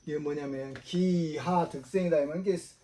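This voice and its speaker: A middle-aged man gives a religious sermon. His voice sits on the higher side but sounds very dark and mellow. He hammers his points home through repetition and frequent rhetorical questions. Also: fairly even intonation, fairly quick. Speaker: preacher.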